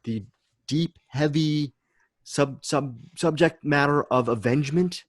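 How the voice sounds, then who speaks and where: A man's voice: fairly high pitch, takes it slowly, no room sound. A man hosting a film podcast, chatting enthusiastically about a movie and often repeating words as he searches for phrasing. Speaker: podcast host.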